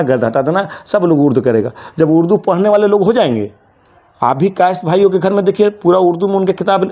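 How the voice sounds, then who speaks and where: A man's voice: a little high, mellow, lo-fi sound. A middle-aged man from Bihar, a journalist, giving earnest, emphatic interview answers full of Urdu vocabulary. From Bihar, India. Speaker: interview guest, journalist and committee secretary.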